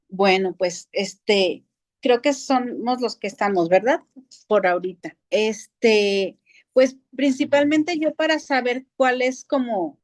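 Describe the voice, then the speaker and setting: A middle-aged woman with a Mexican accent teaching a church family class in a conversational lecture, explaining patiently and often pausing on filler words. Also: on the high side, darkish tone. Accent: Mexican Spanish.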